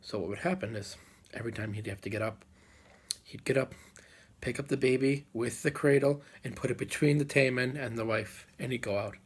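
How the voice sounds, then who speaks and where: Husky-voiced man telling a folk story. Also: mid-range voice. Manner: unhurried with dramatic pauses and repeated phrases. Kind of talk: live oral folk storytelling.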